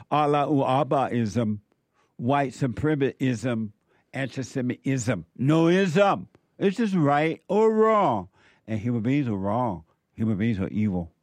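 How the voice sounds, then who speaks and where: A man hosting a call-in show, talking in a slow, emphatic preaching way and repeating his phrases. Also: medium pitch, expressive, darkish tone, dry recording. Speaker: talk show host. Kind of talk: call-in and viewer-message talk.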